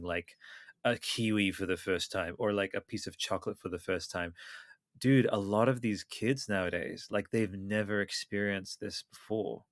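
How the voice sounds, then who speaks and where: A man's voice: on the low side, fairly bright tone, dry recording, studio quality. A man in his thirties hosting a podcast, chatting eagerly and rambling with lots of fillers. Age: 30s. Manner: enthusiastic, rambling with many fillers. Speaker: podcast host. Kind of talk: casual chat.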